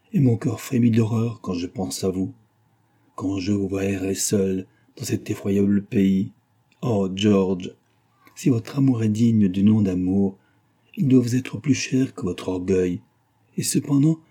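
An impassioned lady in a storybook reading pours out her love and begs her proud suitor to give way, as a man reads her lines. The voice stays low, husky and mellow. The delivery is earnest and pleading throughout. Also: measured pace. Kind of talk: audiobook reading of a novel.

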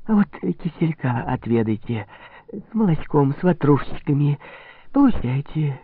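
A man's voice: a little high, very animated, unhurried, a little hiss or hum, pitched above the performer's own voice. Meek merchant's wife, read by a man. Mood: coaxing. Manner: gentle, coaxing, mild. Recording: dry, narrow phone-like sound.

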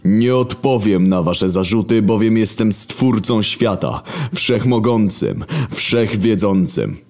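A man voicing an almighty, wrathful male creator god who speaks slowly and solemnly. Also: darkish tone. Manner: slow, booming and solemn.

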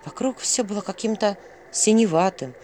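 A narrator reading a fairy tale audiobook in an expressive storytelling manner. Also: medium pitch, moderate pace, a little hiss or hum.

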